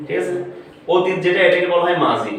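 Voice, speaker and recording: A man's voice: high voice, animated, fairly quick, fairly bright tone. A man teaching an Arabic lesson, often repeating words and quizzing his listeners on them. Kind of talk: classroom lesson. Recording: echoey room, far from the mic, faint noise.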